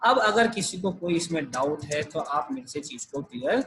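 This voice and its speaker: A man's voice: on the high side, animated, moderate pace, fairly bright tone, slight background noise, rough recording. A man teaching a math class over a video call, explaining each step patiently. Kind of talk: online math lesson.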